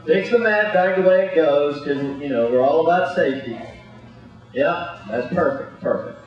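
A man's voice: fairly high pitch, moderate pace, soft background music. A man coaching in a comic gymnastics act, bossy and exasperated, scolding a clumsy student in front of an audience. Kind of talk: comic coaching patter over a live act. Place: large indoor gymnasium with audience. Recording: echoey distant muffled gym recording.

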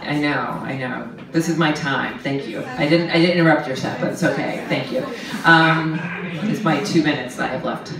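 A woman performer bantering with the crowd between songs, flustered and sardonic. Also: low-pitched. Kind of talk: stage banter. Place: small pub stage. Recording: echoey, distant, crowd noise.

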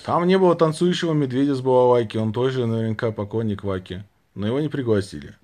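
A man in his thirties from Saint Petersburg, Russia, hosts a casual livestream from a small room, lying back on pillows and holding a phone at arm's length as he reads viewers' questions and answers them. His voice is medium-pitched and darkish, and he talks quickly.

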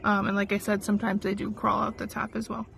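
Outdoors in a farmyard chicken run, a middle-aged chicken keeper films a casual, chatty how-to vlog on a handheld phone held at arm's length, explaining as she goes with some hesitation. Her mid-range voice is flat, quick, fairly bright, and has vocal fry. The outdoor phone audio picks up chickens clucking and other background noise.

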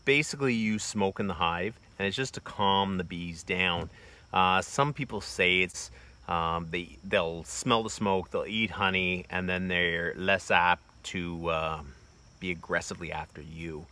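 Filmed on a close-held phone outdoors in a wooded bee yard, this forties-aged homesteading vlogger walks through a how-to in a relaxed, plain way, with plenty of fillers. He has a deep voice, speaks a little slowly, and sounds pushed and bright, while crickets and insects fill the background.

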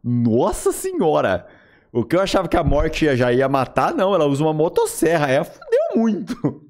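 A young man with a Brazilian accent streaming a horror game live. He is excitable, swears, and yelps and shouts in fright. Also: on the high side, moderate pace. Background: game music.

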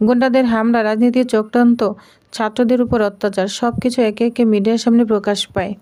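A woman giving a scripted, steady recap of a TV serial episode, reading the characters' lines aloud in her own plain voice. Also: a little high, fairly quick. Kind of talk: scripted narration.

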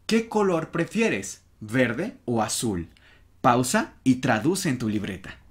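A man teaching an online English lesson, slowly repeating example sentences and cheering the learner on. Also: mid-range voice, big pitch swings, breathy edge.

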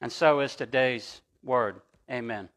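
A man's voice: mid-range voice, measured pace, fairly bright tone. A man preaching a sermon as pastor, telling personal stories in a conversational way with frequent restarts. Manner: storytelling, conversational, with repeated restarts.

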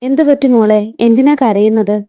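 Woman voicing a gentle caring college girl. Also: a little high, normal speed, muffled recording, close to an everyday voice. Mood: soothing. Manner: gentle, soothing. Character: kind caring young woman student.

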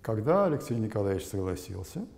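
An elderly man in his eighties reminisces in an interview, speaking deliberately and haltingly with emphatic stresses, in a reverberant room. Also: fairly low pitch, very animated, gravelly, a little mellow. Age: elderly, 80s. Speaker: former interpreter recounting memories. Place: indoor plain room, seated before camera. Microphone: lapel mic. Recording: muffled sound with long room reverb.

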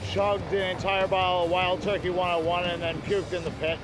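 A man's voice: high voice, flat delivery, brisk. A young man, a music fan, answering casually in an outdoor street interview. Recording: music and city street noise behind.

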